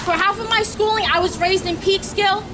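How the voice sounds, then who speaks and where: High-voiced teenage girl speaking at a rally. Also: fairly even intonation. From New York. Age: late teens. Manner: earnest, emphatic, with pauses and restarts. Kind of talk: impassioned protest speech. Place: outdoor plaza at a street rally. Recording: distant outdoor mic, crowd and traffic noise. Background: crowd cheering, traffic.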